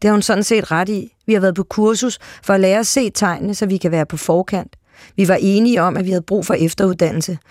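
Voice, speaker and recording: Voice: mid-range voice, steady tone, a little mellow, dry recording. Dry, close short-story reader. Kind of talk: calm literary read-aloud.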